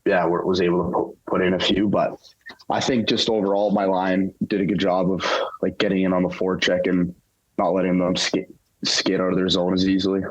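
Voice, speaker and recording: Young man, very low voice, casual halting answers, dull lo-fi sound. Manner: relaxed, halting, lots of fillers. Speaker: interview guest, hockey player.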